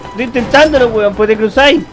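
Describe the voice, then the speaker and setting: A young man with a Chilean Spanish accent, doing excitable, swearing co-op game commentary. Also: extremely high pitch, quick pace. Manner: excitable, swearing, yelling at his partner. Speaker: gamer. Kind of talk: co-op let's play commentary. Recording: game music behind.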